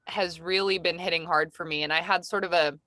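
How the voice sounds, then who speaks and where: Bright, dry-voiced woman host telling a story. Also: fairly low pitch, brisk, no room sound. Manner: animated storyteller, acts out her own reactions. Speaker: podcast host. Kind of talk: casual conversation. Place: camper van.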